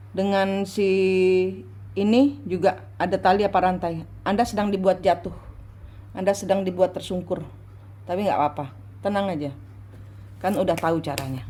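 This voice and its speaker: A woman giving a private tarot reading, coaching her client slowly and repeating her instructions. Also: medium pitch, darkish tone. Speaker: tarot reader.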